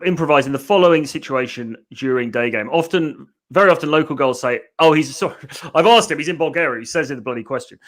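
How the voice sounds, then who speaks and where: A dating coach hosts a casual podcast, his voice a little high and fairly bright. Chatty and full of hedges, he talks through a question sent in by a listener.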